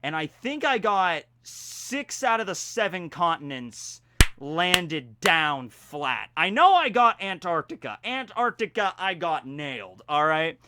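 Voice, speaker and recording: Man, casual vlogger, lively swooping intonation, bright forceful voice, theatrical drawn-out emphasis, playfully self-mocking. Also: sits high, a little hiss or hum. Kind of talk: casual vlog talk with playful mock-grandiose announcing. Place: indoors at home.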